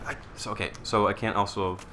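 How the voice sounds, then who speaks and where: A man's voice: on the low side, level tone, quick pace, noisy background. A young man commentating a video game with a friend, casual and rambling, often frustrated and swearing. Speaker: let's play commentator. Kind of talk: casual gaming banter.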